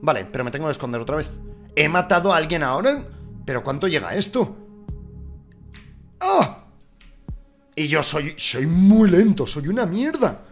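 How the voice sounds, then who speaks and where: Excitable young man gaming, shouting. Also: a little high, normal speed, pauses often, soft background music. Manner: excitable, swings from muttering to shouting, swears a lot. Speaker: gaming YouTuber. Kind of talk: casual gameplay commentary.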